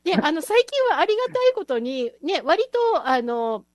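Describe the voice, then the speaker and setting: A woman's voice: high-pitched, very animated, normal speed, over a noisy crowd. A woman hosting a casual chat show, talking enthusiastically and laughing often. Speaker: host.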